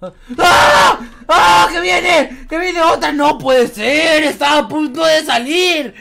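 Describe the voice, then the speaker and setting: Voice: high voice, a little slow, vocal fry, fairly bright tone, raised voice, a faint crowd. A gamer improvising a comic roleplay, muttering asides and exclaiming dramatically.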